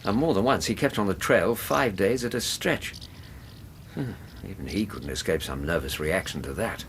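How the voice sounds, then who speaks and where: An actor playing a loyal, concerned English gentleman doctor in a radio drama, speaking in an earnest, formal manner. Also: low-pitched, animated, moderate pace, a little hiss or hum. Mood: cordial, measured.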